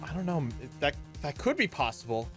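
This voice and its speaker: A man's voice: a little high, big pitch swings, brisk, music in the background. A man chatting casually and reacting as he plays a video game. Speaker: let's player. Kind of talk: casual gaming commentary.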